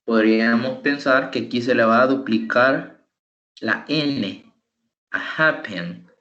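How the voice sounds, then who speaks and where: A man's voice: mid-range voice, slow pace, a bit bright, dull audio. A man tutoring English over an online call, explaining spelling rules patiently, step by step. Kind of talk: online teaching.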